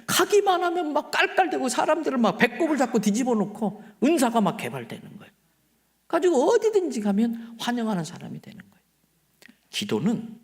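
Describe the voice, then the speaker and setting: A male pastor preaching a revival sermon in a church, telling stories with animated swings and dropping to quiet asides. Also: high-pitched.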